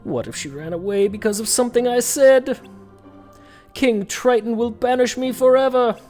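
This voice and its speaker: A woman's voice: fairly high pitch, normal speed, darkish tone, faint music behind, pitched above the performer's own voice, close to an everyday voice. A woman voicing an anxious male crab court musician in a game, attempting an island accent. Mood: panicked.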